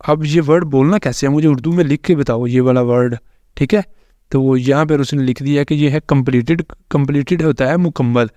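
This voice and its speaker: A man, explaining English grammar and pronunciation slowly and repetitively in a tutorial. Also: medium pitch, steady tone, warm tone, no room sound. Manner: slow, repetitive explaining with frequent fillers. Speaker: English teacher. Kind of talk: screen-recorded tutorial explanation.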